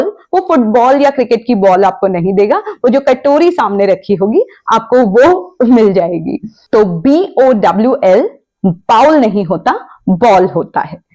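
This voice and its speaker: A woman gives a patient, explanatory pronunciation lesson, spelling words letter by letter and repeating every correction. Her voice is a little high and a little mellow.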